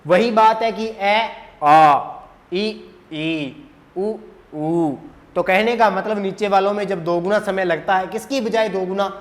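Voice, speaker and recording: A man's voice: high-pitched, takes it slowly. A man teaching a grammar lesson at a whiteboard, asking questions and answering them himself, repeating the key terms.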